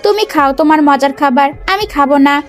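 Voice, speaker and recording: A woman voicing a grumpy, hot-tempered old grandfather with a gruff, scolding manner. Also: high-pitched, normal speed, soft background music, voice pushed down, lightly acted. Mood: sulking.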